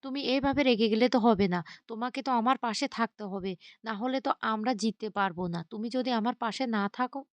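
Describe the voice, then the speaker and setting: A woman's voice: on the high side, fast, dry recording, lo-fi sound, close to an everyday voice. A woman voicing a pushy, scheming young wife who coaxes and insists, in a serial recap. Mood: insistent. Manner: insistent, coaxing.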